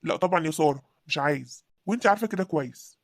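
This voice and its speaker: Earnest Egyptian cartoon suitor, played by a woman, lowish and rapid. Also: expressive, no echo, clean studio sound. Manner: earnest, insistent. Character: young man Youssef, earnest lover. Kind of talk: cartoon voice acting.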